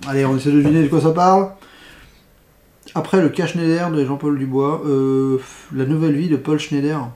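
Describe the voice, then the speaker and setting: A man's voice: fairly high pitch, fairly even intonation, moderate pace, mellow, roomy sound. A man giving casual commentary on a box of films, blunt and slangy, full of rambling asides. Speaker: film critic vlogger.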